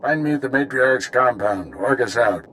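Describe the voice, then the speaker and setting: An actor playing a stern, commanding middle-aged Jedi master in a video game, speaking with measured authority. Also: male voice, mid-range voice, lively intonation, fairly bright tone, a little hiss or hum, close to an everyday voice. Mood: brisk. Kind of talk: video game cutscene acting.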